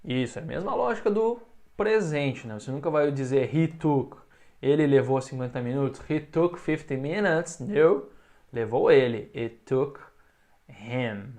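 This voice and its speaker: Man teaching English, slow repeated phrases. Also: mid-range voice, expressive, a little mellow. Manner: explains in Portuguese, models English phrases slowly for repetition. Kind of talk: recorded online English lesson.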